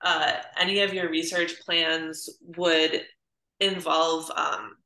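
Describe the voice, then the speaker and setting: A woman from Illinois with a low-set but bright, forward voice. She asks questions politely and haltingly, leaning on "um" and "like". The room around her rings with echo. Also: level tone. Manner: polite, hesitant, with fillers like "um" and "like". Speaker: audience member asking questions. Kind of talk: casual conversation. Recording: roomy echo.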